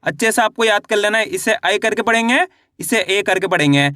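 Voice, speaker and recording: A young man teaching children to read Hindi in an online lesson, patiently asking questions and answering them himself, slowing down to sound out each syllable. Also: high voice, bright, forceful tone, dry recording, clean studio sound.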